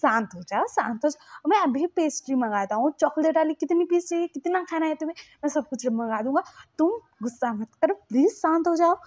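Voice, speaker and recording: A woman's voice: high-pitched, animated, fairly quick, pitched above the performer's own voice. A woman voicing a patient young man who soothes and placates a sulky partner in a coaxing way.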